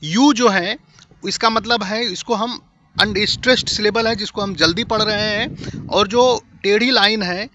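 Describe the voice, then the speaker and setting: A man's voice: high voice, measured pace, pushed and bright, highs cut off. A man teaching a lesson, explaining step by step and checking that the listener follows.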